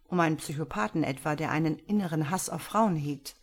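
A woman voicing a calm, friendly male police colleague. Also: low voice, a little fast.

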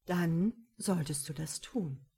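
A woman voicing a gentle, teasing man courting a young woman, speaking low and murmuring in an audiobook. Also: takes it slowly, creaky, slightly rough, full character voice. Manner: soft, low, murmuring delivery. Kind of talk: audiobook character reading.

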